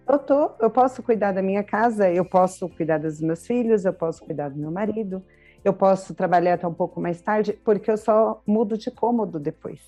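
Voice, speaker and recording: Mellow-voiced Brazilian woman chatting. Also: mid-range voice. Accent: Brazilian Portuguese. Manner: chatty, explains with everyday examples and frequent tag questions. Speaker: podcast co-host. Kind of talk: casual chat.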